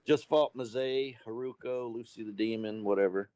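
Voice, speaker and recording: Male guest gamer, mid-pitched, dry sound, relaxed and halting. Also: no room sound. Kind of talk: casual livestream chat.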